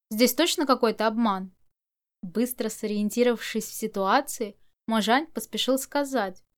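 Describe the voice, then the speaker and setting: A woman narrating a novel in a scripted audiobook reading. Her voice is smooth and resonant, sitting somewhat high. She tells the story expressively.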